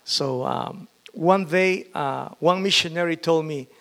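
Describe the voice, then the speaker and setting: Middle-aged pastor, fairly high for a man, halting, full of restarts. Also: gravelly, a bit bright. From Peru. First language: Spanish. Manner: halting, with frequent fillers and restarts. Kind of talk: testimony sermon.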